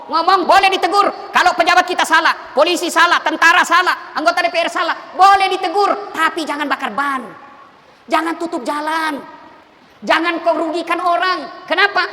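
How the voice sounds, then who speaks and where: A middle-aged preacher, high-pitched and keen, preaching with jokes and acted-out scenes. His voice rings through a large hall with a long reverb tail. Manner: animated, joking, acts out little scenes. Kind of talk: humorous sermon.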